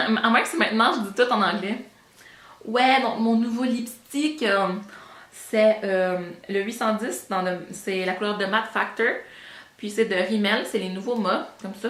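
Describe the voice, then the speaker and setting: A woman's voice: mid-range voice, a bit bright, echoey room. A young woman with a Québécois French accent, chatting casually and rambling about her beauty buys, slipping in English words. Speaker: beauty vlogger. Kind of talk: casual chat.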